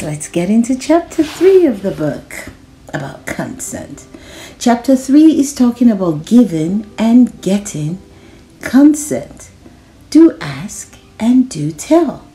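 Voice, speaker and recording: A woman with a medium-pitched voice hosts a children's read-aloud. Animated and encouraging, she speaks straight to her young listeners and checks in with them through little questions.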